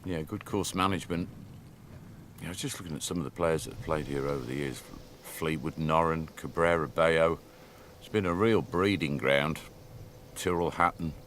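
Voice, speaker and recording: A man's voice: very deep voice, normal speed, a bit bright, slight background noise. A man giving live golf commentary in a conversational, observational way.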